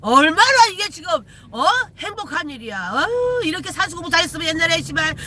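A woman's voice: extremely high pitch, big pitch swings, a little fast, bright, forceful tone. Chatty swearing woman. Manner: chatty, teasing, swears freely. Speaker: shaman streaming live. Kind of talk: casual live-stream chat with viewers. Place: in a car while driving.

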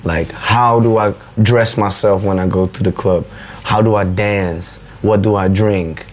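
A man with a low voice reflects for a documentary, rattling off one question after another. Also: steady tone, unhurried. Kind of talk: documentary interview.

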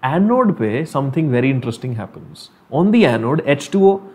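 This young adult man speaks in a mid-range voice that is very animated and brisk, somewhat mellow and husky. With a North Indian accent, he teaches a live exam revision lesson online from a small furnished home room, going step by step in a casual style, asking lots of questions and alternating English with Hindi.

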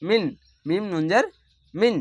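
Unhurried and slightly rough, this young man's voice sits high as he teaches Quran reading in a Bangladeshi Bengali accent. He is from Bangladesh and gives a slow spelled-out recitation lesson, spelling each word letter by letter and drawing out the recited words. He is recorded close to the mic, with no room sound.

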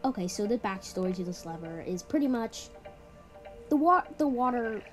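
A woman's voice: on the high side, lively intonation, normal speed, soft background music. A young woman giving a casual walkthrough of her game map, rambling and leaning on "pretty much". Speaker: map builder giving a tour.

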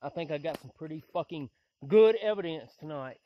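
A frightened man filming a ghost-hunting vlog alone outdoors in the woods at night. He speaks on a handheld camera, shifting between hushed, shaky asides to his viewers and loud calls out to a spirit. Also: on the high side, lively intonation, brisk, no room sound. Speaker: paranormal investigator vlogger.

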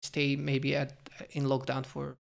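Speaking slowly and in a monotone, this young finance-channel host has a medium-pitched, creaky voice. Over his slides he reasons through a stock's valuation aloud, hedging carefully and full of fillers and false starts.

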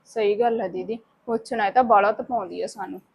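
A woman's voice: medium pitch, fairly even intonation, brisk, gravelly, a little mellow, a little hiss or hum, lightly acted. A woman playing a fed-up daughter-in-law who keeps complaining about her mother-in-law. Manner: complaining, mimics others' voices in quotes. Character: fed-up young daughter-in-law, gossiping and bitter. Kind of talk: short-film dialogue.

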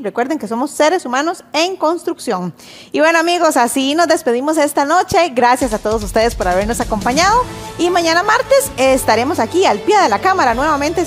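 A woman hosting a TV magazine show, upbeat and chatty. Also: high-pitched. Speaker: TV show host.

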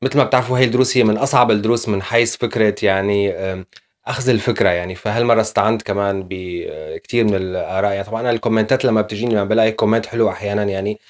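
Brief: male language teacher, low voice, talks very fast, chatty step-by-step explainer. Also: fairly even intonation. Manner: explains step by step with frequent fillers. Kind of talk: casual video lesson.

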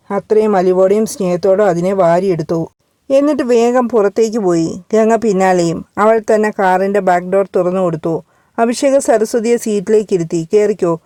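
A woman narrating a romance story in a steady, measured storytelling manner. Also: mid-range voice, no echo. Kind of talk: scripted narration.

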